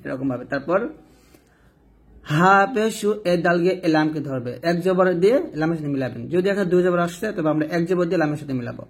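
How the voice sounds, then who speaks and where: Man, Quran reading teacher, high voice, spells out syllables, slow drawn-out chanting of verses. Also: expressive. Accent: Bangladeshi Bengali. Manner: spells letters and vowels syllable by syllable, then chants verses slowly.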